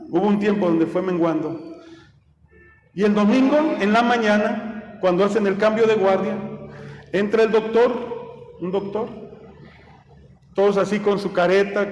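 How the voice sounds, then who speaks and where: A man preaching a fervent sermon as pastor, with a Mexican Spanish accent, his voice rising to shouts. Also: high voice. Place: church hall. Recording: echoey hall with long reverb.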